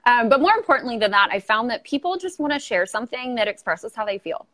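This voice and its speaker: A woman with a Valley Girl accent talks casually and self-deprecatingly as a guest. Her fairly high voice swings lively up and down, with giggles and frequent filler "like". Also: fast talker. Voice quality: can be loud. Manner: valley girl talk, heavy use of like. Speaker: interview guest, online video creator. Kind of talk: casual chat.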